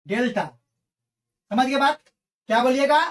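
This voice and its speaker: Recorded from a distance, a woman with a high-pitched, unhurried voice teaches math online. She runs call-and-response drills with her students and addresses viewers as her friends.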